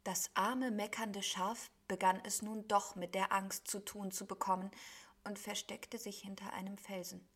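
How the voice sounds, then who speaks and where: Slow, bright-voiced woman reading a story. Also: mid-range voice, husky. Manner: measured, expressive reading. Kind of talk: storybook narration.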